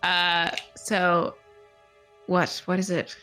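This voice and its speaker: A woman's voice: lowish voice, monotone, very slow, sharp tone, soft background music. A woman bantering casually as a player in a tabletop role-playing game.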